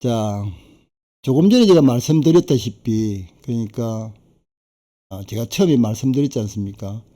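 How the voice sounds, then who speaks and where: A man's voice: mid-range voice, expressive, moderate pace, warm tone. A middle-aged man giving a chatty, folksy live-stream talk as a fishing boat broker. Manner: chatty, folksy, laughs between points.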